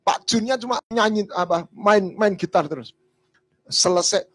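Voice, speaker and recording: A male pastor preaching a sermon, telling stories in a voice that swings from loud to hushed. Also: sits high, a little slow, husky, no echo.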